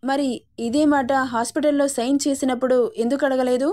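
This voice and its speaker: Woman doing young husband in a spoken story, high, mellow, teasing, pleading. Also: fairly even intonation, fairly quick, natural voice. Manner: teasing, scolding banter.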